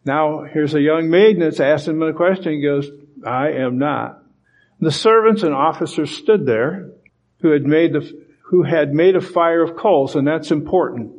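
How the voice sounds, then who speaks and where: A man's voice: a little high, normal speed, a little mellow. A man preaching a sermon, reading scripture aloud and explaining it with emphasis. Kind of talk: sermon Bible teaching.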